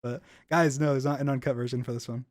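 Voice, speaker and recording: A young man casually commenting on his own gameplay video, rambling with lots of "like" and quick restarts. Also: medium pitch, fairly even intonation, dry recording. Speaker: YouTuber reacting to own video.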